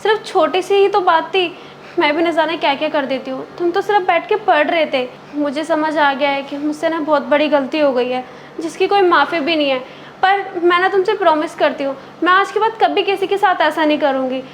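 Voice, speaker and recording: A haughty young rich wife who scolds her driver with mocking contempt, played by a woman. Her voice is very high and shrill, with a faint hiss behind it. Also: brisk, a bit bright. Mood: remorseful. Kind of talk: amateur web drama acting.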